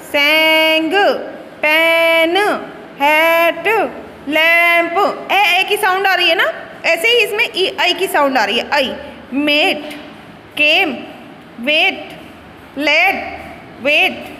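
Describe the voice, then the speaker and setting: A woman English teacher with an Indian accent, switching between Hindi and English, repeating words slowly for pupils to drill their pronunciation. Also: very high voice, pushed and bright, in a large hall, a little hiss or hum. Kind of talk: classroom lesson explaining words and pronunciation.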